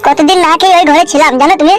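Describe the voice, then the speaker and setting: Woman voicing a whiny young guy in a cartoon, high and pleading, fast talker. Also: steady tone, soft background music, natural voice. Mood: plaintive. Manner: pleading, whining. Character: whiny disgraced young man, pleading son. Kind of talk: cartoon comedy voice acting.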